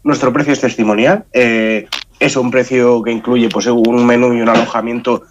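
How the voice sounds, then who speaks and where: A man's voice: medium pitch, little pitch movement, normal speed, a little hiss or hum. Radio guest: Spanish man, nasal head-cold voice, explanatory and conversational, dull lo-fi sound. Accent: Spanish from Spain. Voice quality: nasal, congested. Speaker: science outreach association spokesman, radio guest. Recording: muffled, dull band-limited sound.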